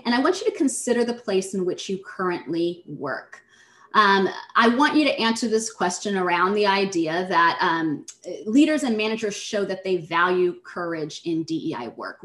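Female workshop presenter on a video call, mid-pitched, clear teaching delivery, echoey room. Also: lively intonation, a bit bright. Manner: measured, explanatory, addresses the audience directly. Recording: roomy echo.

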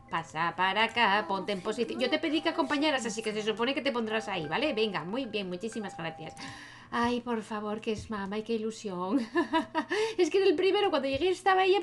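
A young woman with a Spain Spanish accent gives casual let's-play commentary, chatting to her game characters and laughing often. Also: a little high. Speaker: gaming youtuber.

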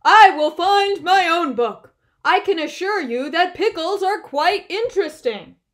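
A woman's voice: mid-range voice, moderate pace, lightly acted. A woman voicing a pompous, grumpy, stubborn male bear from a children's storybook. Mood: indignant, shouting. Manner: pompous, haughty, loudly protesting.

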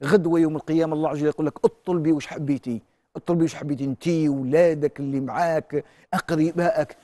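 A man's voice: a little high, fairly even intonation, quick pace, dark tone, dry recording. A middle-aged Algerian man giving religious counsel as a sheikh, emphatic and repeating his phrases. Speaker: sheikh answering callers. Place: TV studio. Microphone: lapel mic.

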